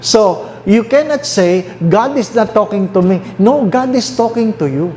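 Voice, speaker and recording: Filipino priest guy preaching, slightly high voice, roomy echo, faint hum behind. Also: lively intonation, dark tone. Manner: mixes English and Tagalog, asks the listeners questions; repeats key phrases slowly. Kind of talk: sermon.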